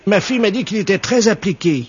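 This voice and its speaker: A man's voice: sits high, animated, quick pace, breathy edge. A man voicing a naive, fussy older woman who rambles hesitantly on a prank phone call. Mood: innocent, rambling. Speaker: prank caller. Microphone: telephone. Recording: muffled phone line.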